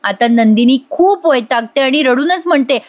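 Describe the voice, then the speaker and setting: A woman recaps a TV serial episode in a chatty voice-over, commenting warmly on the characters. Her voice is high-pitched and conversational. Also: animated, normal speed. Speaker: TV serial reviewer.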